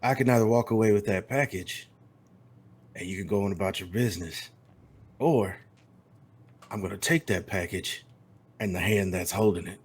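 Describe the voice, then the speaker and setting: A man voicing a menacing vampire biker who speaks in a slow, threatening drawl. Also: lowish voice, breathy edge. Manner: slow drawl, calls people friend and son.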